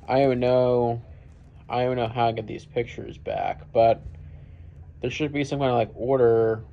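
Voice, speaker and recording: A man making a casual, deadpan complaint as a prank caller, rambling in a gravelly voice. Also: mid-range voice, moderate pace, dull audio. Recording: faintly noisy phone-camera recording.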